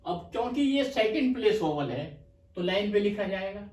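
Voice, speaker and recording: A man teaching a shorthand lesson, explaining patiently and repeating slowly for dictation, with terms spoken. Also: high-pitched, lively intonation, darkish tone. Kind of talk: slow explanatory lecture. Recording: echoey room, mic far off.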